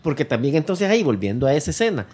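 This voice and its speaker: A man in a casual movie review chat, animated and slangy, making sound effects as he retells scenes. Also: fairly high pitch, very fast, slightly rough.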